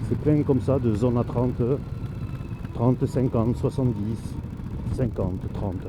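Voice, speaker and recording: A man's voice: medium pitch, slow. A man chats casually to himself inside his helmet as a motorcycle vlogger out riding. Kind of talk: casual solo chat while riding. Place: outdoors, riding a motorcycle on roads. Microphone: microphone inside the helmet. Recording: steady engine, wind and road noise.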